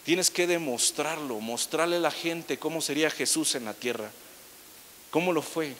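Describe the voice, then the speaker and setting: A man's voice: on the high side, moderate pace, a bit bright, big-room sound, slight background noise. A young man preaching a sermon in a church, chatty and joking as he acts out the people he talks about. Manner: conversational preaching with humorous asides, acting out quoted people. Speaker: pastor. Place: church hall.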